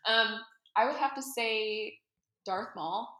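A woman guest on a podcast, relaxed and chatty, laughing easily while she has the hiccups. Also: a little high, slow pace, echoey room. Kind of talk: casual interview chat.

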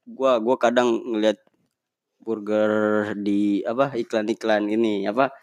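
A man's voice: fairly low pitch, steady tone, a little slow, a little mellow, dry recording, dull audio. Young man in dry casual banter. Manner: laughs often, mixes in English words. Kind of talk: casual chat.

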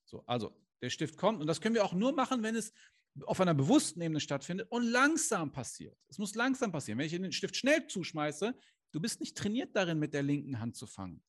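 A man with a high-pitched voice talks to camera as a life coach. He is earnest and direct, firing off rhetorical questions and sprinkling in Islamic phrases. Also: very animated, a little fast. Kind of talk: motivational coaching talk to camera. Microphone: camera he adjusts himself.

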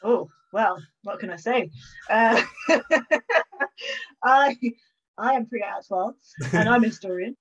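A young historian from Buckinghamshire, England, with a southern English accent and a fairly high voice, guests on a podcast and tells stories at a normal speed. Her manner is chatty, informal and self-deprecating, and the audio sounds dull and band-limited.

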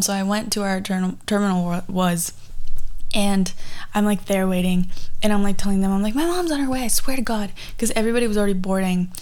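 A woman's voice: medium pitch, a little mellow, smooth. A woman of twenty-one hosting a casual podcast from a garage, telling personal stories in a chatty, rambling way that often backtracks. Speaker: podcast host. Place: recorded in a garage.

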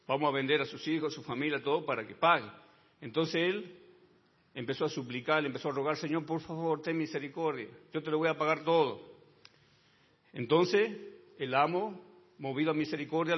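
A man preaching a sermon who keeps calling his listeners brother and adding amen, dropping to quiet asides and rising to loud shouts. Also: husky. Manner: addresses listeners as brother, tags lines with amen; swings between low quiet asides and loud high shouting. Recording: dull sound with long reverb in a large hall.

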